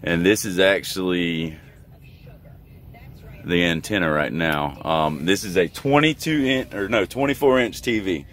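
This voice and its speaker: With a low voice that's a bit bright, a middle-aged American truck driver speaks a little slowly as he explains a how-to. It's casual and plain-spoken, recorded inside his truck cab with background noise.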